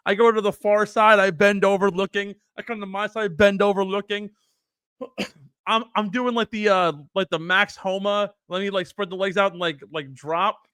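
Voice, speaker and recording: A young man with a bright, forceful voice tells a long story on a podcast, slightly high-pitched and lively, swearing freely and doing the voices of the people he quotes. The sound is dry and close on a studio mic. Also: moderate pace, smooth, no echo. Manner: animated, profane, acts out quoted people. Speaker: podcast co-host. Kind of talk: casual storytelling chat.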